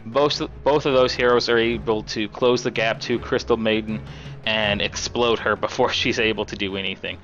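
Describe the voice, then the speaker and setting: A man with a raspy voice giving casual, chatty live commentary on a game as an esports caster. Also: lowish voice, steady tone, moderate pace, a bit bright, dull audio, soft background music. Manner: casual, chatty play-by-play with fillers.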